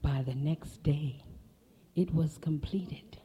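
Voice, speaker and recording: Performing folk tales before listeners, this woman storyteller is dramatic and slips into whispers for effect. Her voice is deep, husky, and warm, and she speaks at a slow pace.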